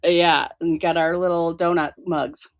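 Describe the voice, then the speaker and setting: Giggly low-voiced woman host. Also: flat delivery, measured pace, dry recording, muffled recording. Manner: giggly, chatty. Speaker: podcast host. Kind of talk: casual chat. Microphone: studio microphone.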